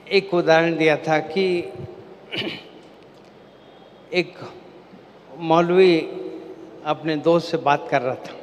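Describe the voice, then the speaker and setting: A man giving a devotional seminar talk to a live gathering. He poses questions to the crowd and then answers them himself. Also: sits high. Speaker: spiritual seminar speaker. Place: large hall with an audience. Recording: long hall reverb, faint background noise.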